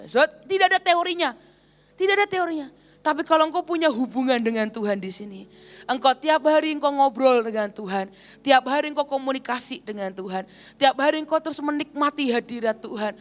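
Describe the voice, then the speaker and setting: A woman's voice: sits high, animated, fairly quick. A woman evangelist preaching a sermon at a church service, telling a story and often addressing the congregation directly.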